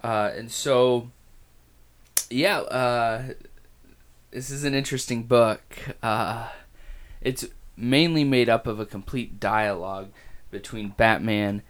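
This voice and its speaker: Pausing, restarting and leaning on fillers, a man with a raspy, medium-pitched voice chats his way through a casual comic book podcast.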